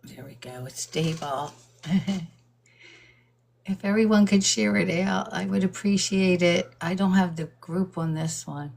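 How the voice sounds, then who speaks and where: Older woman, live-stream host, casual chatty talk, frequent laughs, low pitch. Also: measured pace, gravelly, darkish tone. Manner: chatty, laughs often, greets viewers by name; admits nervousness about reading aloud.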